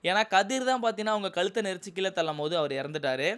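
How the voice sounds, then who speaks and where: A young man recapping a TV serial for his viewers in a rapid storytelling manner, repeating the same filler phrase again and again. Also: high voice, expressive, a bit bright, smooth. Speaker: TV serial reviewer. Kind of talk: excited plot recap addressing viewers.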